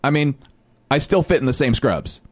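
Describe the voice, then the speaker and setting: A man in casual podcast chat, working through a story at a halting pace. He restarts his sentences and hunts for the right word. His voice sits in an ordinary middle pitch. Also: expressive. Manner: halting, restarts, searches for words. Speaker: podcast regular. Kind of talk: casual chat, telling an anecdote.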